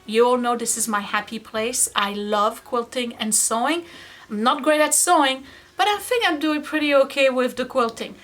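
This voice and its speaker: A woman's voice: high voice, moderate pace, fairly bright tone, faint music behind. A woman hosting a quilting series, talking casually and wandering into self-deprecating asides as she explains. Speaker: host of a quilting video series. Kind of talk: casual tutorial chat.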